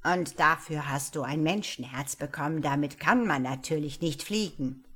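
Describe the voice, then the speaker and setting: A woman's voice: low-pitched, normal speed, fairly bright tone, breathy edge. A woman doing a grim, growling old wizard. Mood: stern. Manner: growling, stern. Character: grim old male wizard, gruff but softening.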